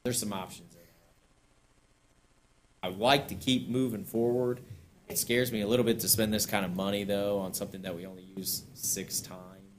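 A man's voice: lowish voice, steady tone, moderate pace, a little hiss or hum. A middle-aged man presenting at a town board meeting in a council chamber, talking casually and chuckling between points. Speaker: parks director presenting to a board. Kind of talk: public meeting discussion.

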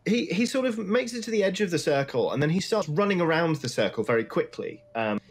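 A man narrating as the dungeon master of a tabletop game, playful and halting with frequent ums. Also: fairly high pitch, sing-song, slightly rough.

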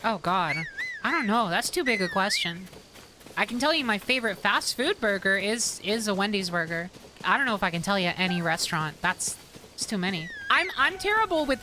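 A woman streaming a game live, chatting and commentating excitably, swearing, squealing and laughing as she plays. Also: mid-range voice, moderate pace. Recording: game music playing underneath.

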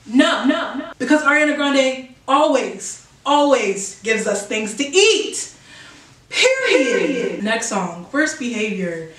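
A woman hosting a music reaction video, talking casually and excitedly, swearing often, laughing and singing along. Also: a little high, slow, slight background noise. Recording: roomy echo, mic at a distance, music playing. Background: song playing.

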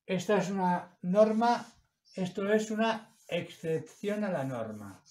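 Slow-talking teacher man, echoey room. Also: high voice, sing-song, a little mellow. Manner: slow, explanatory, stretching example words. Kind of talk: spoken grammar lesson.

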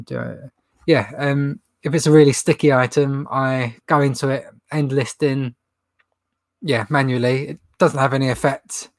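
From a stock room with shelves, a young man who sells resale goods hosts an easygoing livestream Q&A, nose running as he rambles and cracks himself up. His voice sits in the mid range, and the recording is dry.

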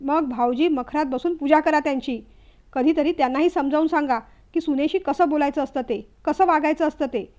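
Tired young wife who snaps back, read by a woman narrator; high voice, dull recording. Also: fairly quick, a little mellow, close to an everyday voice. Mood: angry. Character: worn-down young wife, pushed to anger.

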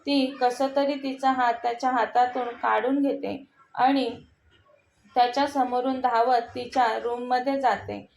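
A woman storyteller with a high voice reads a dramatic story with emphasis. The recording is roomy and echoey. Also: fairly even intonation, a little slow, gravelly, darkish tone. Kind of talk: story narration.

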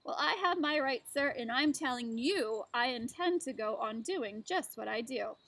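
A woman voicing a stubborn, greedy male businessman who shouts back indignantly during a storybook read-aloud. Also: a little high, animated, normal speed. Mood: angry. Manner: indignant, loud, insistent.

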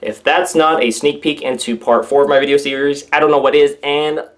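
Brief: young male vlogger, casual commentary, excitable, exclaims and trips over words. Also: on the high side, fairly quick. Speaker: vlogger reading and commenting on a letter.

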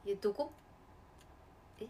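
A woman chatting casually on a live stream while she plays a game. She laughs often and breaks into sudden loud outbursts. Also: slow pace, a little hiss or hum.

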